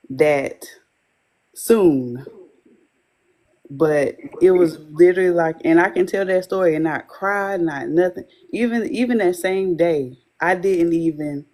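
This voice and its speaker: Slow, earnest woman sharing her faith. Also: lowish voice, darkish tone. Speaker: life coach for wives of addicts. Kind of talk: interview guest testimony.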